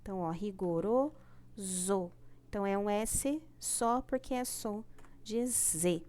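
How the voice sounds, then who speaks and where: This woman's mid-range voice is slow and warm, carrying a Brazilian Portuguese accent. She's running a remote primary class, patiently repeating things, lengthening important words and checking in often.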